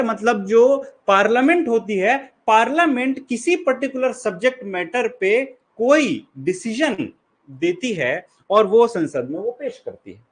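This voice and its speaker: A young Indian man with a high voice teaches law in a classroom lecture, speaking Hindi with English terms mixed in. He poses questions and answers them himself, and slows down to read definitions aloud.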